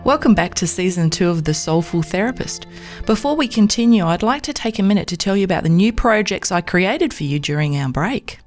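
A woman, a psychotherapist and podcast host, reading a scripted narration in a calm, measured storytelling way. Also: on the low side, faint music behind.

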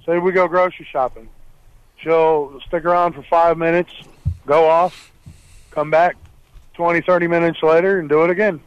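A middle-aged man calling in to an advice show over the phone, talking in a plain, halting, matter-of-fact way. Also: on the high side, steady tone, smooth, dry recording. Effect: heard over the phone. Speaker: caller. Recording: dull dry phone line.

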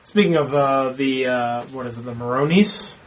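A man's voice: medium pitch, normal speed. A man in a casual movie discussion, nitpicking details and thinking aloud with fillers. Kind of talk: casual movie podcast chat.

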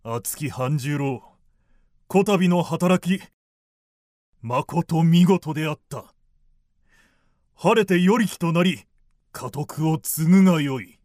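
A man playing a slow, formal magistrate. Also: on the high side, lively intonation, darkish tone, dry recording, studio quality. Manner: measured, formal, pronouncing verdicts. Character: dignified male magistrate passing judgment.

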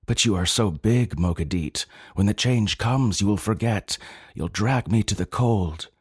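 Man doing an anxious young she-alien, husky and pleading, a bit higher than his own voice. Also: measured pace, darkish tone, dry recording, studio quality. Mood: fearful pleading. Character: young female alien creature, fearful.

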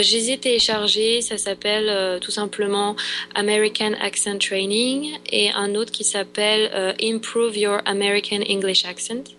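Hesitant French actress with faint hum. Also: female voice, medium pitch, bright, forceful tone. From France. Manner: hesitant, many fillers and restarts. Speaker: actress in Los Angeles. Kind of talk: casual interview chat.

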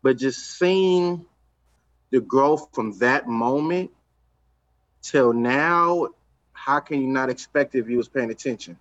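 A man's voice: medium pitch, takes it slowly, pauses often, a bit bright. Man, record exec, from los angeles, emphatic, streetwise, slightly dull recording. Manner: emphatic, streetwise, repeats points. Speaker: record executive, guest. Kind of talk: casual podcast chat.

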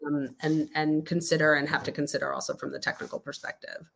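A woman's voice: low voice, level tone, quick pace, gravelly, a bit bright, slight background noise. A woman in her fifties, a guest in a podcast interview, explaining at length with many fillers and restarts. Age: 50s. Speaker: interview guest, company spokesperson. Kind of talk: casual interview chat.

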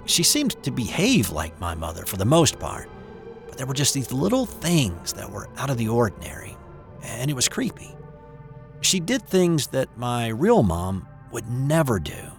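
An older man telling his own eerie childhood story in the first person, hesitant and hushed, with small restarts. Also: mid-range voice. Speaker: narrator of a true eerie story.

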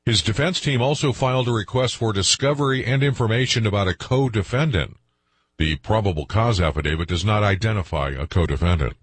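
A man's voice: on the low side, fairly quick, husky, dry recording. A man with an American accent reading a scripted radio news bulletin as the anchor.

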